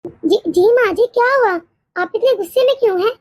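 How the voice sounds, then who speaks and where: Meek pregnant daughter-in-law. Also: female voice, extremely high pitch, a little fast, a little mellow, no room sound. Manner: meek, hesitant, stammering. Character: timid, exhausted pregnant young daughter-in-law. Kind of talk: animated storybook voice acting.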